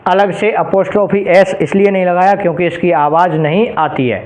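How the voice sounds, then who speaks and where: A male English grammar teacher giving an exam-prep lesson. He explains each rule patiently and reads out example phrases slowly, stopping to ask his students rhetorical questions. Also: high-pitched, steady tone, darkish tone, low-quality recording. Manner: addresses students directly and checks understanding with rhetorical questions.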